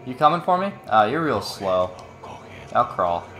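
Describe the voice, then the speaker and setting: A man with a mid-pitched voice that leaps up and down as he gives casual commentary over a game. He jokes, swears and yelps in panic. Loud game music plays behind him. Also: very animated, measured pace. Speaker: let's play gamer.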